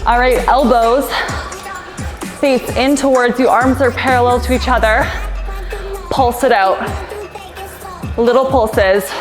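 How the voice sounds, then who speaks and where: A woman's voice: a little high, fairly even intonation, takes it slowly, pauses often. A woman spin instructor cycling hard as she coaches, urging the class on with short, punchy motivational cues. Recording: loud music behind the voice. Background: workout music.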